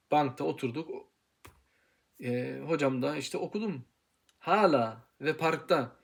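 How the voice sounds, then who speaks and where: A man's voice: on the high side, vocal fry, slightly rough. Earnest young man drilling syllables. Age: 20s. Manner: hesitant with many pauses and fillers. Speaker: Quran recitation teacher. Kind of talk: informal video lesson.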